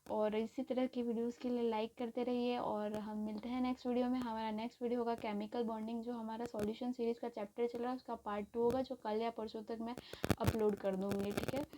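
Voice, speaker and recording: A young woman teacher lays out a study plan in relaxed, encouraging chatter, often checking in with her students. Her voice sits somewhat high but stays on a narrow, even line. A clear hiss runs under the recording. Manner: casual, encouraging, repeats "theek hai" often. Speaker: NEET chemistry teacher. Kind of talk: study-plan explainer in Hinglish.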